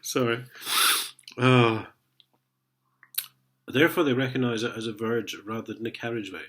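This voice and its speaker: A man with a sniffly head cold hosts a sarcastic ranting vlog, chuckling as he reads letters aloud. He speaks at a moderate pace in a steady, medium-pitched voice.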